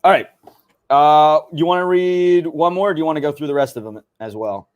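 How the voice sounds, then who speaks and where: A young man co-hosting a casual history livestream, chatty and quick to laugh. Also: on the high side, smooth, highs cut off.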